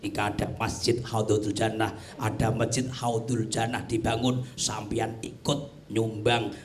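A man voicing a stern angel who questions the dead, speaking slowly and solemnly. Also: on the low side, level tone, voice pushed down, lightly acted. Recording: audience noise behind.

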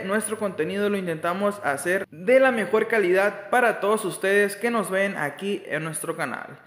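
High-voiced man narrating in an echoey room. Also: a bit bright. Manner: formulaic, repeats calls to like and subscribe. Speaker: gossip channel host. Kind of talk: scripted voice-over narration. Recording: echoey room with long reverb.

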